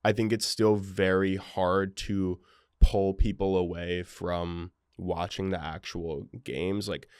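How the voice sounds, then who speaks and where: A man's voice: deep voice, level tone, takes it slowly, darkish tone, clear, resonant tone, dry recording, studio quality. A young man co-hosting a podcast in casual chat, wry and rambling, full of fillers. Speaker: podcast co-host.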